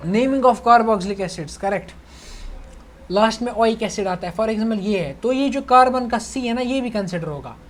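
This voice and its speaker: A young adult man with a very high voice tutors chemistry in a casual online lecture, chatting away, calling his students "bhai," and making sure they're following. Slight background noise can be heard.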